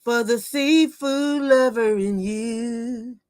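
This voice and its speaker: A woman's voice: fairly high pitch, takes it slowly, darkish tone. A woman in her fifties hosting a casual livestream, gossiping and reading viewer comments aloud before reacting to them. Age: 50s. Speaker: livestream host. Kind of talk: casual chat.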